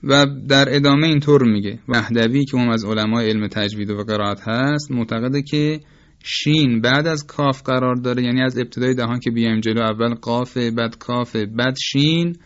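A man teaching Quran recitation rules in a formal, careful lecture, slowly demonstrating each throat and mouth sound aloud. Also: medium pitch, lo-fi sound. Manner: formal and polite toward listeners. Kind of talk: instructional lecture on tajweed.

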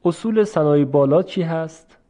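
Man, Quran pronunciation teacher, mellow low-bright voice, slightly high pitch, dull lo-fi recording. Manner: slow, deliberate explanation with repeated drill sounds. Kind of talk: explanatory lesson on letter pronunciation.

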